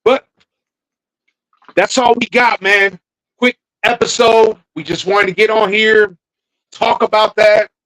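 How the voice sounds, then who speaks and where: A man with a notably high voice co-hosts a relaxed podcast chat. He thinks out loud, drifts off mid-sentence and starts again. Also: slow, long pauses, low-quality recording. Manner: thinking aloud, trailing off and restarting. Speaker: podcast co-host. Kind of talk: casual wrestling chat.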